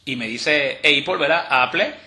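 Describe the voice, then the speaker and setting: A man teaching a step-by-step tutorial in a relaxed, explanatory way, with fillers and restarts. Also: a little high, unhurried. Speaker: instructor demonstrating a screen reader. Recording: roomy echo.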